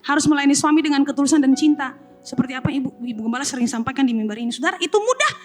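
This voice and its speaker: High-voiced woman pastor preaching. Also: little pitch movement, racing, darkish tone, soft background music. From Eastern Indonesia. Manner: impassioned, rising to high emphatic calls. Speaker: assistant pastor. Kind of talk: sermon. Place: church.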